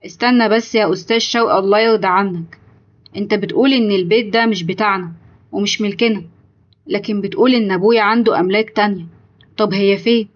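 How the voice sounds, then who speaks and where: A woman's voice: mid-range voice, steady tone, fast, highs cut off, lightly acted. A woman voicing a stressed, complaining grown son with an Egyptian accent, in a told story. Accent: Egyptian Arabic. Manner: complaining, agitated.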